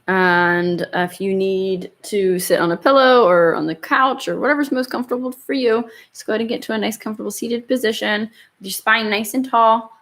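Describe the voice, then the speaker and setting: A woman's voice: medium pitch, steady tone, moderate pace, fairly bright tone. A woman yoga and meditation instructor chatting informally to her online class in a loose, conversational way. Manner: informal, conversational, hedging with "kind of". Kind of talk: casual chat to an online class.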